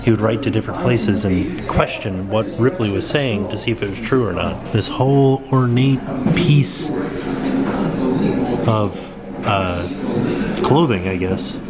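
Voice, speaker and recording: Wandering through a museum's indoor exhibit rooms, a man narrates his vlog in a fairly low, unhurried voice. He remarks on displays spontaneously, mildly amazed by what he sees, while loud music sits behind his speech.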